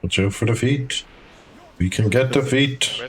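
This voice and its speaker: A man's voice: medium pitch, a little slow, a crowd in the background. A man streaming a raid, talking in dry, wry asides with the odd swear. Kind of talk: casual raid chat.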